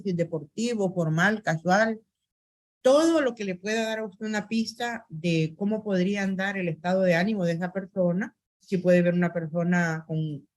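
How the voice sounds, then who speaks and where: Speaking at a fairly low pitch, this woman lectures a university class online through a computer microphone on a video call. She takes each item in turn, methodically, and often hesitates with fillers.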